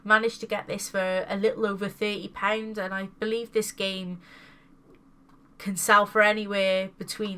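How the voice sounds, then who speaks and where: A gaming video host casually shows off her new video game pickups, repeating words enthusiastically and sounding congested from a cold. Her mid-range voice is sharp, clear and resonant.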